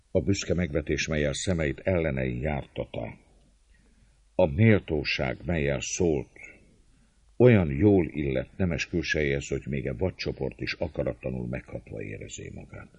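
A man narrating a historical novel in measured, expressive storytelling. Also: very deep voice, breathy edge. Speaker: audiobook narrator. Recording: dull lo-fi, dry sound.

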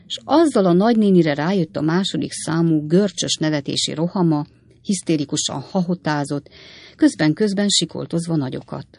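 A woman narrating an audiobook in a measured, expressive reading. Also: low voice, creaky, no room sound.

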